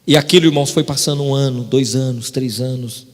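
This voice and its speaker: Emphatic pastor in an echoing church. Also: male voice, mid-range voice, brisk. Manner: emphatic, repeatedly addressing the congregation. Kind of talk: sermon testimony. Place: church sanctuary. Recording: reverberant church hall.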